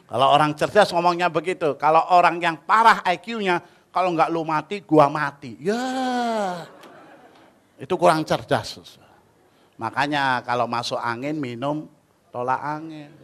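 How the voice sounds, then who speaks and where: A man preaching a sermon with an Indonesian accent, telling stories animatedly, jumping from shouted peaks to soft asides. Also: mid-range voice. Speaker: pastor. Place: church hall.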